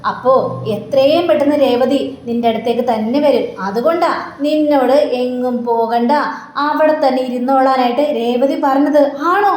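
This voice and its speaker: A woman's voice: high voice, moderate pace, darkish tone. A woman retelling a TV serial episode in a chatty, loose way. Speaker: TV serial recap narrator. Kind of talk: casual story recap. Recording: roomy with faint background noise.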